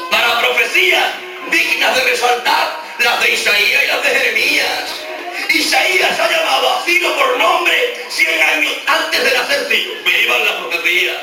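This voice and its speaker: Preacher from Spain on old dictaphone tape. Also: male voice. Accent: Spain Spanish. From Spain, Extremadura. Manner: dramatic, swings from shouting to hushed low tones. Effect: old cassette dictaphone recording. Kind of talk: Pentecostal-style sermon. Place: large church hall. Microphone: handheld dictaphone in the congregation. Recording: echoey hall taped from far off with music. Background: music and congregation responses.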